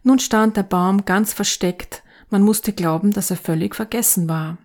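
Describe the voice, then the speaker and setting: Woman narrator, calm and even, mid pitch, suits a classic fairy tale reading. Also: a little slow.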